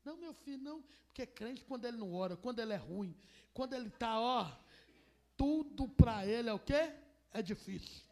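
A woman's voice: sing-song, normal speed, exaggerated voice. A woman doing a doubtful old King Saul. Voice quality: deep gravelly voice. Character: King Saul, older man, doubtful and gruff.

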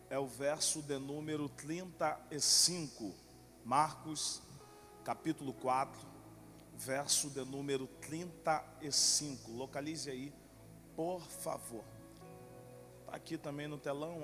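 A Brazilian man preaching a sermon to a congregation, with a tongue-tied lisp and slushy s sounds, in an emphatic, deliberate manner that repeats phrases. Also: on the high side, sharp tone. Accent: Brazilian Portuguese. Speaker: guest preacher. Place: large echoey church. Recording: long hall reverb, music behind.

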